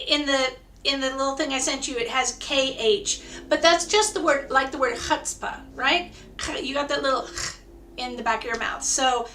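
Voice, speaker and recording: A woman's voice: high voice, bright, forceful tone. A woman leading an online choir rehearsal, encouraging singers and teaching a simple round by ear, her voice a little tired. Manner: encouraging, coaching call-and-response, sings demonstrations. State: voice tiring. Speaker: choir director. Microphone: video call.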